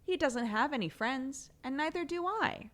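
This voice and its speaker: A woman voicing a small, eager young male beaver in a storybook read-aloud, speaking in a high, earnest way. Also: expressive, normal speed, a bit bright. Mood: wistful.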